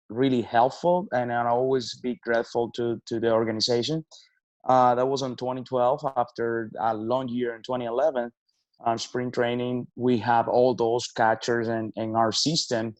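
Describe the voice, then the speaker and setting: A man, a baseball manager answering interview questions in halting speech, with many restarts and fillers. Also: medium pitch, dry recording, highs cut off. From Venezuela. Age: 30s.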